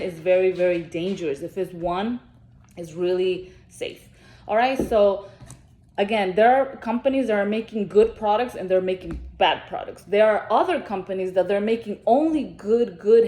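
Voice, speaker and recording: A woman's voice: mid-range voice, a little mellow. A woman vlogging about beauty products in casual chat to camera, rambling with lots of fillers and restarts. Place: travelling, on vacation. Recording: echoey room.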